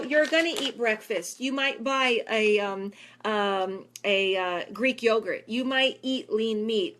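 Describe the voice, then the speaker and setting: A woman in her forties with a New York accent, a fitness trainer, talks earnestly and chattily in a casual vlog. Her voice is a little high with a fairly bright tone.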